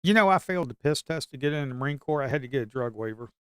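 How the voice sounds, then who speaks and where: Rapid-fire and lively in intonation, this middle-aged Blue Ridge Mountains man speaks at medium pitch with a fairly bright, clean tone and a Southern Appalachian accent. He chats crudely and casually on a trading live stream, rambling through folksy stories and erupting into hollers. The studio recording has no echo.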